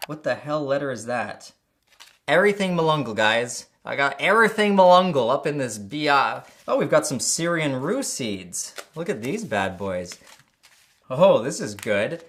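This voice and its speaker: A man's voice: mid-range voice, fairly bright tone, a little hiss or hum. A male vlogger talking through a casual unboxing in a sarcastic, joking mood, stumbling over hard plant names.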